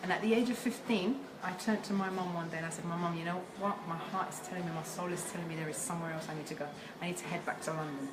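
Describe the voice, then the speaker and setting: A woman's voice: lowish voice, fairly even intonation, fast talker, few pauses. Earnest, reflective woman in an echoey room. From South America. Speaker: relationship facilitator. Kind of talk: casual conversation. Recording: echoey room with loud ambient noise.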